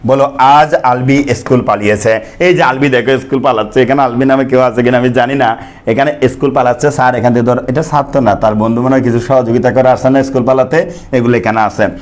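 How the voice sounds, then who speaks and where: Male teacher, playful lecture, quizzes his students, mid pitch, easygoing joker. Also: steady tone, quick pace, a little mellow. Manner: joking, chatty, asks students to repeat after him. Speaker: biology teacher.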